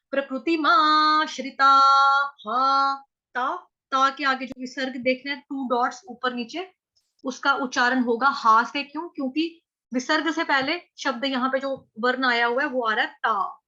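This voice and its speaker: A woman with a North Indian accent teaches verse pronunciation in a high, bright voice. She breaks words into syllables, repeats them slowly and chants the lines. The recording sounds dull and lo-fi.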